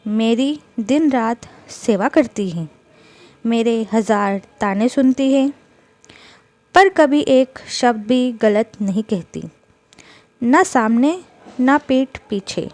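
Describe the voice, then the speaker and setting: A woman voicing a stern, fierce mother-in-law in a storybook tale, talking in sharp, scolding rebukes. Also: on the high side, animated, slow. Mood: angry, protective. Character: stern fierce older mother-in-law, protective of her daughter-in-law.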